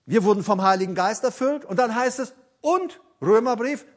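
A man preaching in a church service with a high, very lively voice that leaps up and down. He is fervent and swings from loud emphasis to soft, hushed asides. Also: normal speed. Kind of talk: sermon. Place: church during a worship service.

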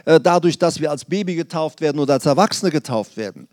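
A man preaching a sermon in an earnest, explanatory way, slowing down on key phrases and often hesitating. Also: on the high side, lively intonation, darkish tone, no room sound, studio quality.

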